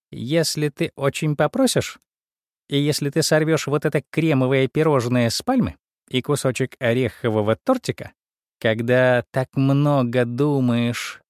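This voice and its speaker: A man voicing a bossy, chatty big female mouse in a storybook reading, with a squeaky voice. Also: darkish tone, no room sound, studio quality, natural voice. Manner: bossy, fussy.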